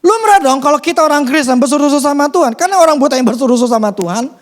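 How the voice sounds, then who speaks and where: Lively man preaching. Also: very high voice, racing. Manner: lively, conversational preaching with sudden loud bursts and soft hushed asides. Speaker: pastor. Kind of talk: sermon.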